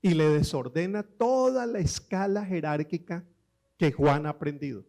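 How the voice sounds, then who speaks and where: Lively preacher, slightly high voice. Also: male voice, vocal fry. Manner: storytelling with quoted voices and humor; lively, slows down for emphasis. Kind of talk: sermon.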